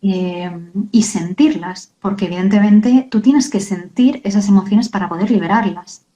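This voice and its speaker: A woman, a guest author in an interview, talking earnestly and haltingly and often adding checking tags. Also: medium pitch, warm tone, rough recording. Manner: earnest, halting, many tag questions. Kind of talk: emotional interview talk.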